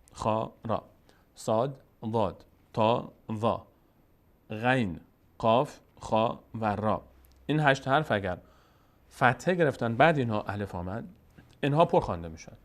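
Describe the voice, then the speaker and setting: A man with an Afghan Dari accent teaching how to read Quranic letters, patiently repeating syllables slowly and drawing them out. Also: mid-range voice. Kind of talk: slow step-by-step recitation lesson.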